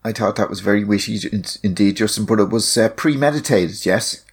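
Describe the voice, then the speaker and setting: A man's voice: fairly low pitch, a little fast, husky. A man co-hosting a casual chat, teasing his partner in a dry, playful way. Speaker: co-host.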